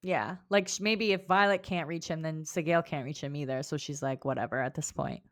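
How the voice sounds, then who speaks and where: A woman's voice: low voice, fairly even intonation, normal speed, a bit bright. A woman co-hosting a book club podcast, chatting casually, swearing freely and laughing often. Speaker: podcast co-host.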